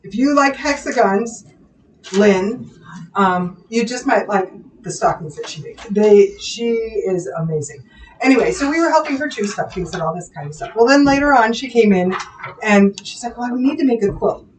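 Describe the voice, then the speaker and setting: A woman's voice: a little high, animated, moderate pace, far from the mic. A Midwestern American woman telling shop stories on a live stream, trailing off and giggling along the way. Her voice sounds set back from the mic in an echoey room. A faint hum runs underneath. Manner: giggly, storytelling, trails off mid-sentence. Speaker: co-host of a live quilt shop show. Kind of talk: casual live-stream chat.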